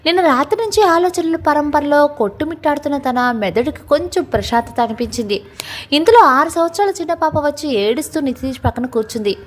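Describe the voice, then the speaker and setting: A woman's voice: sits high, brisk. A woman narrating a family love story, reading it plainly and doing the dialogue herself.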